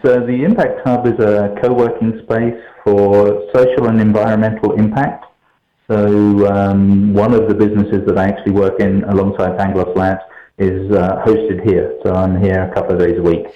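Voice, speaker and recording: Low-voiced male tech guest on a warbly robotic headset call, echoey and muffled, easygoing. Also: little pitch movement, moderate pace. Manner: easygoing, explains in a meandering way. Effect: warbly, robotic-sounding call over a poor line, like a headset link. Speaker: regular tech contributor calling in. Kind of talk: casual radio phone interview. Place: co-working space. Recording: echoey, dull lo-fi call line.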